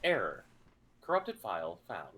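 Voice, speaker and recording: A game master voicing a flat, robotic machine voice that speaks inside a character's head, giving clipped, monotone status reports. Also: sits low, a little slow, pitched below the performer's own voice, exaggerated voice. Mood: flat, mechanical. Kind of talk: tabletop game voice acting.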